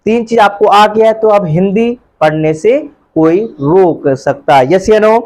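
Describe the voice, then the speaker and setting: Slow, coaxing male Hindi tutor. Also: high-pitched, a little hiss or hum. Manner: drills pupils with call-and-repeat, loud chanting of letters; coaxing, calls pupils beta and bhaiya. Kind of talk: live Hindi alphabet class.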